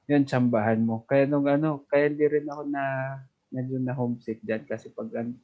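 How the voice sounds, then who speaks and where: A man from the Philippines tells his stories slowly and easily, as a podcast guest. His voice sits at an ordinary middle pitch. The remote call audio sounds dull and lo-fi. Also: fairly even intonation. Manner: unhurried, easygoing storytelling. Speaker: guest, overseas worker. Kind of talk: casual chat.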